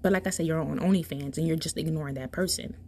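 Woman podcast host, lowish voice, emphatic and direct, casual monologue. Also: quick pace, dark tone, a little hiss or hum. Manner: emphatic, impassioned, addresses listeners directly.

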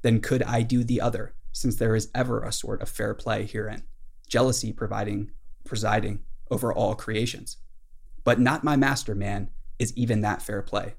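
A man's voice: lowish voice, fairly even intonation, normal speed, gravelly, darkish tone. A man reading as Captain Ahab, vengeful old captain. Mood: declaiming. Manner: declaiming a classic monologue. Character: vengeful obsessed older male sea captain.

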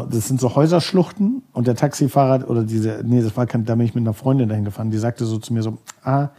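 A man from Germany speaks as a guest on a podcast. His voice is very dark and a little husky. He tells his stories loosely and rambles, often stopping to search for the right word. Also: fairly low pitch. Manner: rambling, searches for words, many fillers. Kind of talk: casual storytelling.

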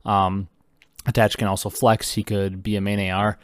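Excited young man rambling fast, low voice. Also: no echo, clean studio sound. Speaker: podcast host. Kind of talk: casual esports news commentary.

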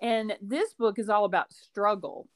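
A woman's voice: mid-range voice, a little slow. A woman who teaches school, co-hosting a casual book podcast and telling rambling stories with side notes. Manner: warm storytelling, rambling asides, laughs often.

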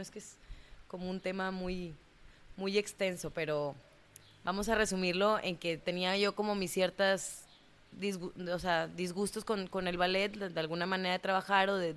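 With a lowish voice and clean tone, a young woman from Monterrey, Mexico, who dances in a ballet company, tells an interview story with a northern Mexican accent. She's lively and colloquial, acting out what people said.

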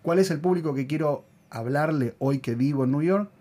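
A man's voice: on the high side, fairly quick, warm tone. A man from Argentina who speaks neutral Latin American Spanish with a slight Argentine tinge, co-hosting a podcast in casual, playful chat. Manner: playful, jumps into joking Portuguese. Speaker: podcast co-host.

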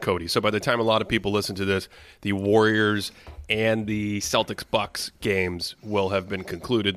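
A man hosting a sports podcast, talking in a thoughtful, measured way with some fillers. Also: fairly low pitch, bright, forceful tone, no room sound. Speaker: podcast host. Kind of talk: casual chat.

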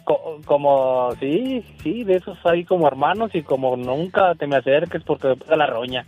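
A man's voice: on the high side, animated, normal speed, phone-quality sound, soft background music. A man calling in to a radio show, gossiping casually about his relatives between laughs. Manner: shy at first, then gossipy and laughing. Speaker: caller. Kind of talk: casual call-in chat.

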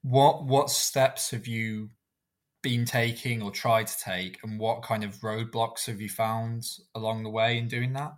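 A man's voice: mid-range voice, steady tone, measured pace. A man hosting a political podcast, introducing his guest and asking friendly questions. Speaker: podcast host, political editor. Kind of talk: podcast interview.

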